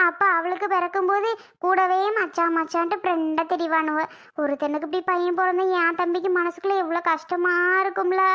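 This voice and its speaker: Woman doing a shrill, nagging cartoon aunt. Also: highs cut off. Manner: lamenting, nagging. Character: older aunt, fussy and complaining. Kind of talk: home-made cartoon voice acting.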